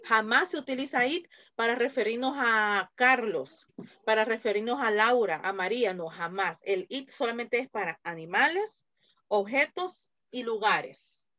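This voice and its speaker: A woman with a Latin American Spanish accent teaching an English grammar class online, slowly and patiently repeating example answers. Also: a little high, animated, pushed and bright, no echo, highs cut off.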